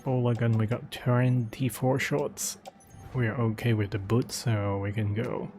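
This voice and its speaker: A man's voice: medium pitch, level tone, a little slow, music in the background. A man streaming a video game, talking himself through his choices in a casual, thinking-aloud commentary.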